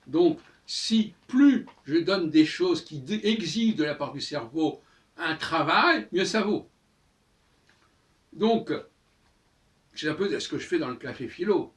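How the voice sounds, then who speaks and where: A man's voice: fairly high pitch, lively intonation, takes it slowly, long pauses, far from the mic. An older man hosting a talk channel, musing in a casual monologue with frequent hesitations and repeated words.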